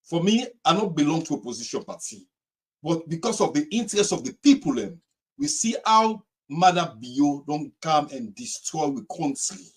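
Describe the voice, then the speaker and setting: A man with a Sierra Leonean accent and a husky voice hosts an informal political discussion, speaking emphatically and repeating his phrases. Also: a little high, sing-song, moderate pace. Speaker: host of a live political discussion. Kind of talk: informal political talk in Krio mixed with English.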